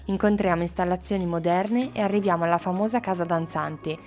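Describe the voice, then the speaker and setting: A travel vlogger narrates from a script in a lowish voice with a darkish tone, slipping in short casual asides. Background music plays under her voice.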